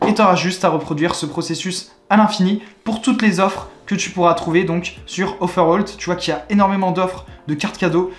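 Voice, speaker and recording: Young French male tutorial host, high voice, chatty salesy delivery, roomy echo. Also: fairly even intonation, a little fast, hardly any pauses. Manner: chatty, repeats filler words, upbeat salesy instructions. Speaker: online money-making tutorial host. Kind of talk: screen-recorded tutorial walkthrough. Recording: echoey room.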